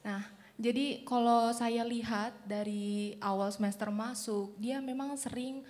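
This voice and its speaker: A woman's voice: fairly high pitch, steady tone, slow pace, a little mellow. Hesitant young woman in a hall. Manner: hesitant, rambling, apologetic. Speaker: audience member asking a question.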